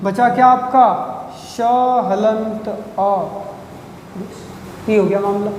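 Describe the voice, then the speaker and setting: A man's voice: high-pitched, steady tone, slow pace, a little mellow. A man teaching a grammar lesson at a board, drawing out syllables, repeating them and quizzing his listeners. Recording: echoey room with long reverb, faint noise.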